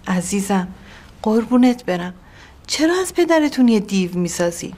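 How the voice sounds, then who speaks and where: An actress playing a middle-aged mother, soft and affectionate but reproachful toward her son. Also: medium pitch, big pitch swings. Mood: tender. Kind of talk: TV drama acting.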